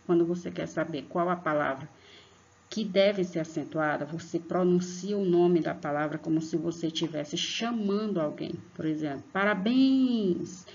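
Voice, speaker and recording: A woman's voice: lowish voice, normal speed, gravelly, a little mellow. A woman teacher giving a patient online lesson to children, stretching out and stressing example words. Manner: patient, talks to pupils as "tia". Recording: dull lo-fi online class audio.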